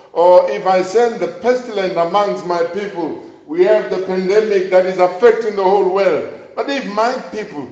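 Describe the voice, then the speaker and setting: A man preaching a sermon as a pastor, slow and emphatic, repeating his points. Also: sits high, a little mellow. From South Africa. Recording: echoey, dull lo-fi sound.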